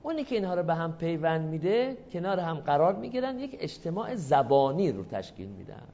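A man giving a classroom lecture in a measured, explanatory way, politely addressing the audience and answering their questions. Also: a little high, very animated, dark tone, dull audio.

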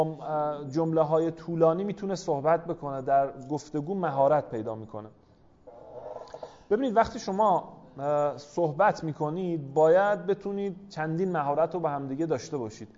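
Male lecturer teaching a class with rhetorical questions, slightly high voice, dull lo-fi recording. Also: dark tone.

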